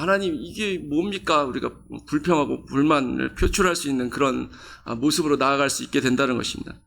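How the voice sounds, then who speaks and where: A man's voice: on the high side, vocal fry, bright, forceful tone. A male pastor giving a conversational sermon, quizzing the congregation and acting out quoted voices with rising emphasis. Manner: conversational preaching with quiz questions to the congregation.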